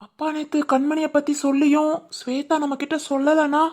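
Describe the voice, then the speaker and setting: Woman doing a middle-aged cartoon uncle, remorseful, pleading, Tirunelveli Tamil accent, rather high voice. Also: flat delivery, moderate pace, a little mellow, natural voice.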